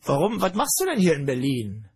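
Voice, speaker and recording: A male radio host talking fast in a studio, ranting with mock outrage at a caller. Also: a little high, huge pitch swings, breathy edge, no echo. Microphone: studio mic with headphones.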